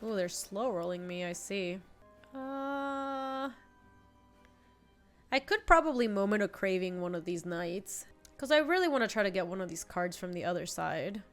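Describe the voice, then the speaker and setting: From her home streaming room, a young woman with a blocked-up cold chats casually while playing cards on stream and replying to viewers. Her medium-pitched voice is animated at a normal speed, and soft background music plays indoors.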